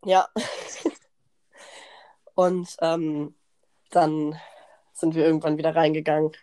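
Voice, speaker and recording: A young woman hosting a podcast, telling a party story in slangy, animated casual chat and acting out what people said. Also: low-pitched, slow pace. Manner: animated, slangy, acts out quotes, laughs often. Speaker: podcast host.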